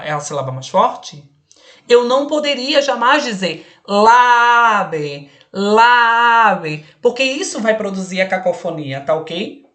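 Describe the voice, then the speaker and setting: A woman's voice: mid-range voice, a bit bright. A woman teaching an online exam-prep Spanish lesson, patient and explanatory, often checking that students follow along. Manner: slow, patient, checks understanding with "perfeito?".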